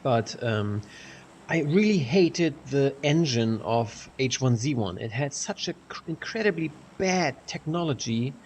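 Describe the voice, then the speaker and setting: A man's voice: medium pitch, lively intonation, a little slow, darkish tone. Echoey rambling man with a German accent. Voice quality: echoey room sound. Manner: hesitant, rambling, swears casually. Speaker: video creator. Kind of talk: casual rambling update over game footage. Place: echoey room at home with big windows. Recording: big echoey room, clear background noise.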